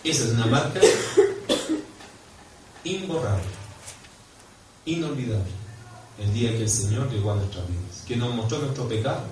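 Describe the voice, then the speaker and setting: Animated Chilean pastor in echoey hall. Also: male voice, medium pitch, moderate pace, long pauses, background noise. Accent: Chilean Spanish. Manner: animated, swings from quiet to loud and emphatic; questions and prompts the congregation directly. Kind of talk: sermon. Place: church hall. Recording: echoey church hall, mic far off.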